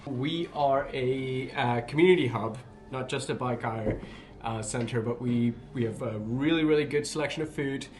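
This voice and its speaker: A man's voice: medium pitch, normal speed, slight background noise. A man from Northumberland with a local accent, chatting in a casual interview as a bike hire centre worker, often searching for his words. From Northumberland, England.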